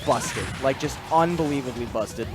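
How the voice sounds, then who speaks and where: A young man giving live game commentary, animated and giggly, easily startled. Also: mid-range voice, moderate pace. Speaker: esports commentator. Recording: game music behind.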